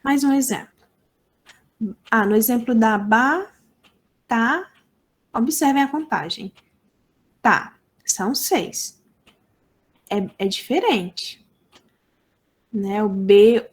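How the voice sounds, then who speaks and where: A woman with a Brazilian Portuguese accent gives a lesson at an unhurried pace. Her voice sits a little high, and she explains each point deliberately, often pausing to check that students follow. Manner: slow, deliberate explaining with frequent checks for understanding. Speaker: teacher. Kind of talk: online lesson explaining sign language phonology.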